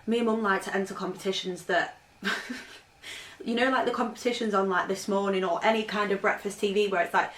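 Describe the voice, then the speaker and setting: A fashion vlogger with a fairly bright, steady, mid-range voice walks through a vintage clothing haul at home at a moderate pace. Her talk is rambling and full of "like," and the off-mic recording carries a roomy echo.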